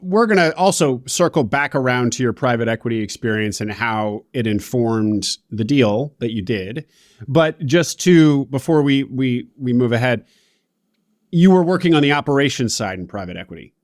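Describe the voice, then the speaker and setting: A man's voice: mid-range voice, expressive, moderate pace, no room sound, clean studio sound. A man hosting an interview podcast who asks upbeat, probing questions. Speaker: podcast host.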